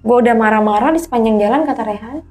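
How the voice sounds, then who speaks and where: A woman recounting her own eerie hiking experience as a guest, in casual, animated storytelling that keeps quoting others in quick dialogue. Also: a little high, soft background music.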